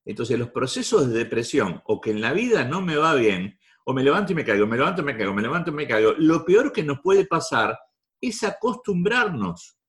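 Rioplatense man, motivational speaker, very animated intonation, hammering points home. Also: mid-range voice, fairly quick. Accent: Rioplatense Spanish. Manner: repetitive, emphatic, preachy. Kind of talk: live talk to an audience.

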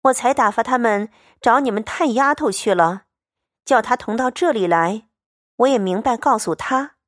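A woman reading the part of a composed, tactful young noblewoman who explains herself calmly in a storybook reading. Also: on the high side, moderate pace, dry recording, clean studio sound, pitched above the performer's own voice, close to an everyday voice.

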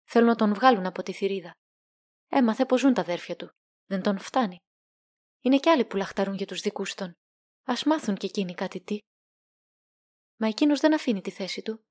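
A woman narrating a literary short story as an audiobook, reading in a measured, calm way. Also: mid-range voice, dry recording, studio quality.

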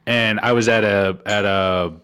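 A man's voice: lowish voice, steady tone, unhurried, fairly bright tone, smooth. A man hosting a casual podcast, asking rambling questions in a laid-back way and chuckling along. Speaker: podcast host.

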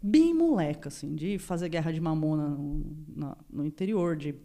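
A woman's voice: sits low, moderate pace. A woman from Brazil, a podcast guest, telling a story in casual chat and acting out the voices of the people in it. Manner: animated, acts out voices in her story.

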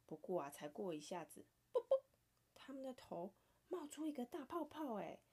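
A woman with a Taiwanese Mandarin accent reading a picture book aloud to her child, playful and animated, sometimes dropping to a soft whisper. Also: a little high, moderate pace, breathy edge.

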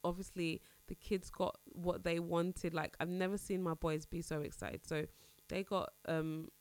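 A podcast host in her thirties, nasal and stuffed up from a cold, chats frankly in a casual personal conversation. Her lowish voice is clear and resonant, delivered flatly at a measured pace with no echo. She rambles and restarts as she goes.

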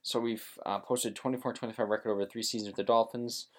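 A man's voice: lowish voice, flat delivery, fast talker. A man co-hosting a casual sports talk show, reading football news aloud with frequent ums and restarts. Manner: reads news with many fillers and restarts.

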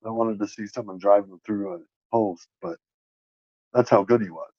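A man with a lowish, slightly mellow voice co-hosts a podcast at a normal pace, casually and agreeably discussing wrestling while often beginning his sentences again. The sound is dull, dry, lo-fi, and echo-free.

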